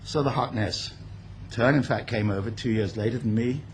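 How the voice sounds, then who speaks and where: An older man who grew up in India speaks at an opening event, thinking aloud with frequent pauses and fillers. His voice sits at an ordinary middle pitch. Faint room ambience hangs behind him. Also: slight background noise. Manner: reflective, speaks off the cuff with many pauses and fillers. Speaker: guest speaker. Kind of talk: formal speech. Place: event hall at a building opening.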